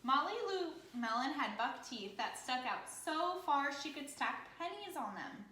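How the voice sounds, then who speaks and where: An elementary teacher with a high-pitched, bright, forceful voice reads a picture book aloud, very animated and a little slow. She uses simple phrases for the children and asks prompting questions, recorded in an echoey room with background noise.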